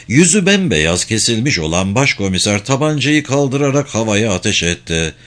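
Guy reading a novel out loud, really expressive, voice swings up and down a lot. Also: medium pitch. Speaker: audiobook reader. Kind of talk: dramatic novel narration.

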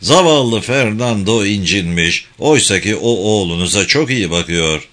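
A man voicing a drunk, slurring male cartel boss who talks slowly in broken phrases. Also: on the low side, expressive, fairly bright tone. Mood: mocking. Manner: slow, slurred, broken speech.

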